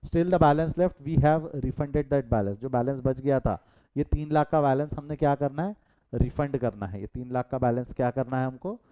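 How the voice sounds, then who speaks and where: A man's voice: mid-range voice, moderate pace, warm tone, lo-fi sound. A middle-aged man with an Indian accent teaching a live online commerce class, mixing Hindi and English, quizzing his students and breaking off into chatty asides.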